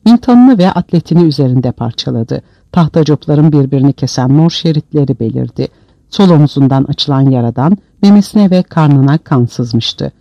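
A man's voice: a little high, lively intonation, moderate pace, vocal fry, mellow, no room sound. A man narrating an audiobook in a dramatic storytelling manner, on a dull, dry lo-fi recording.

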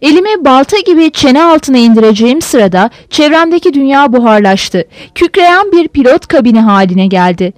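A woman reading a novel aloud as a narrator with expressive storytelling. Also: high voice, normal speed, few pauses, no echo. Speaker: audiobook narrator. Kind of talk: scripted narration.

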